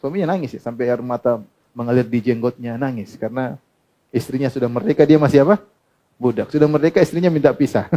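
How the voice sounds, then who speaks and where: Man preaching in a mellow voice. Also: medium pitch, fast talker, highs cut off. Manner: asks the audience questions and answers them himself; quotes Arabic texts and translates them. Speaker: Islamic preacher. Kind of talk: sermon.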